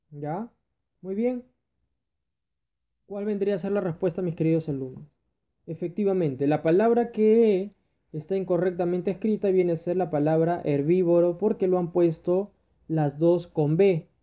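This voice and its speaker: A male teacher with a high voice explains grammar exercises patiently, pausing often to check that his students follow. The sound is thin and tinny, like a phone line. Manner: addresses students fondly, checks understanding with repeated "ya". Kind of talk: recorded grammar lesson.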